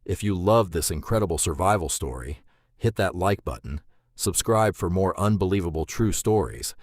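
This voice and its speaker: A man narrating a true survival story in a measured, suspenseful, scripted way. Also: low-pitched, animated, no room sound.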